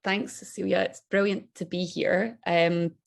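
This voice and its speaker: A woman's voice: on the low side, little pitch movement, measured pace, vocal fry. A woman with a broad Scottish accent giving an informal online presentation in a chatty, enthusiastic manner. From Scotland. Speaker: guest speaker, interim director of an organisation. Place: online video call.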